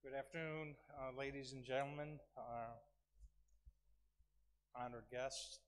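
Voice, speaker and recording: A man's voice: medium pitch, steady tone, takes it slowly. A man giving a podium speech as a conference presenter, formal in structure with informal, self-deprecating asides. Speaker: conference speaker. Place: large conference venue, speaking from a podium.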